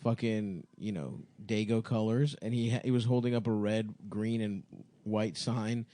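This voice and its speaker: A man's voice: lowish voice, fairly even intonation, measured pace, dark tone, no echo. Crude, mocking male podcast host. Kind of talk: casual comedic chat.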